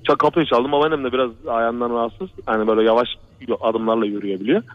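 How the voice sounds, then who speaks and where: A man's voice: medium pitch, steady tone, fast. A man calling in to a radio show, telling a true horror story in a rambling, repetitive way that keeps circling back to "he said" and "brother". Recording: dull lo-fi radio broadcast.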